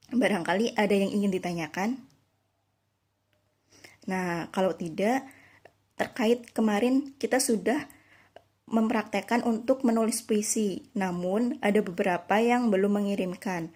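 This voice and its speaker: A woman's voice: medium pitch, darkish tone. Indonesian woman teacher explaining patiently. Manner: explains slowly with fillers and restarts. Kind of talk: online lesson.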